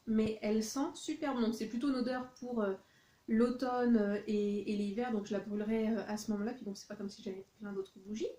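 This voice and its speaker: A woman's voice: fairly high pitch, mellow, reverberant. A woman vlogging from her home office, chatting through a shopping haul with many hesitant fillers. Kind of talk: casual haul vlog.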